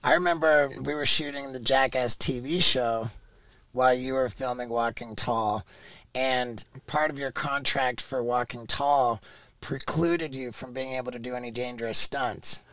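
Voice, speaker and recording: A man's voice: medium pitch, fairly even intonation, a little slow, fairly bright tone, no room sound, poor audio. A man hosting a podcast, chatting eagerly about shared memories. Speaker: podcast host. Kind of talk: casual chat.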